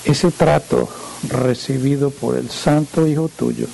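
A male pastor reading scripture aloud in a sermon and praying, slow and solemn, lifting his voice for quoted speech. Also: medium pitch, fairly even intonation, gravelly, warm tone, a little hiss or hum, poor audio. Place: church.

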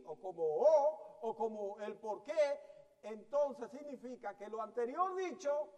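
A man's voice: very high voice, a little mellow. A man preaching a sermon in a teaching manner, asking the congregation rhetorical questions and often restarting his sentences. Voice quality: hesitant restarts mid-sentence. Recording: long hall reverb.

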